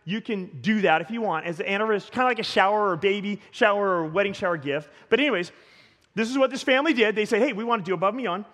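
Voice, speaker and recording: Pastor, male, high voice, animated storyteller who trips over his words, long church-hall reverb. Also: fast. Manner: animated, stumbling restarts and repeated words. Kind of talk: storytelling sermon.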